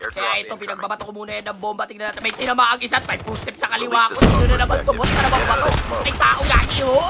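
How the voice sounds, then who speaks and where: A man giving excitable, slangy commentary while playing a shooter game, often shouting and joking. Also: very high-pitched, racing, gravelly, heavy background noise. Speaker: gaming streamer. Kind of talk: live gameplay commentary. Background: loud game music and gunfire.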